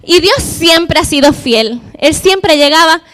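Very high-voiced woman. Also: lively intonation, slow pace, fairly bright tone. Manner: heartfelt, repeats words for emphasis. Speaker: speaker giving a faith testimony. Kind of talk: personal testimony to an audience.

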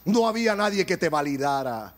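A Puerto Rican man preaching a sermon, animated, swelling to shouts and dropping into joking asides. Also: fairly high pitch, brisk. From Puerto Rico.

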